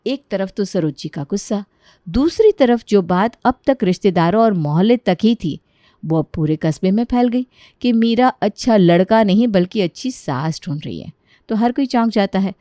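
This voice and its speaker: A woman's voice: medium pitch, animated, normal speed, dark tone, no room sound, clean studio sound. A woman narrating a cartoon story in a chatty, scripted style, talking straight to the listener. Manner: chatty, addresses listener directly.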